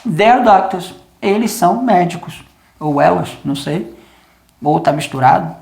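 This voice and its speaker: A man's voice: fairly high pitch, animated, normal speed, vocal fry, a little mellow. A man teaching a grammar lesson at a whiteboard, patiently repeating examples and often checking that students follow. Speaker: English teacher. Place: room with a whiteboard. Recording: echoey room.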